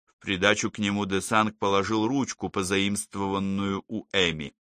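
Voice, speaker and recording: A man reading a novel aloud as a narrator, in a measured, even way. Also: deep voice, dry recording, studio quality. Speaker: audiobook narrator. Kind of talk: scripted narration.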